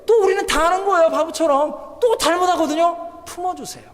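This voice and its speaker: A man preaching a lively sermon as pastor in a church, acting out quotes and swinging between loud and soft delivery. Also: very high voice, a little fast. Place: church hall. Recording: long church hall reverb.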